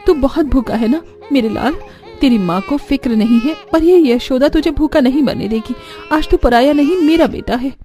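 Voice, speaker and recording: A woman's voice: high voice, moderate pace, dark tone, faint music behind, natural voice. A woman voicing a devoted young mother who speaks tenderly and with urgency.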